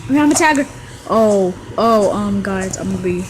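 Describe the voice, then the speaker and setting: A woman giving chatty, excitable gameplay commentary, trash-talking other players as she goes. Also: medium pitch, normal speed, noisy background. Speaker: gamer.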